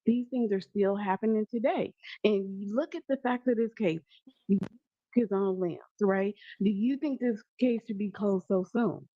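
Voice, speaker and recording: A woman's voice: medium pitch, a little slow, no room sound. A woman speaking earnestly on a call-in panel, her voice muffled as if heard through a wall. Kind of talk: casual chat. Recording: muffled lo-fi remote line.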